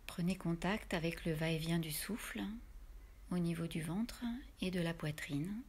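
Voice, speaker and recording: A woman with a soft, breathy, fairly low-pitched voice leads a guided yoga relaxation. Her instructions are soothing and unhurried, with pauses between them.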